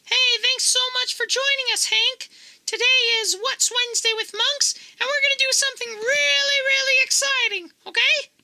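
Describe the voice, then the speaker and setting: A tiny monkey puppet hosting a children's show with kids party magician patter. The voice is extremely high and squeaky, very bright, with a crackly edge. It sounds childlike, cheerful and a little timid. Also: fairly even intonation, moderate pace, gravelly, full character voice. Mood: excited, playful.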